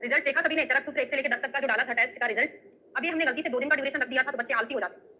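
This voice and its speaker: A woman's voice: high voice, rapid-fire, pushed and bright, a little hiss or hum, low-quality recording. A woman teaching an exam-prep lecture, often asking students questions and checking with "right?" as she gives memory tricks. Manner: memory tricks and everyday examples. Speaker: Ayurveda teacher.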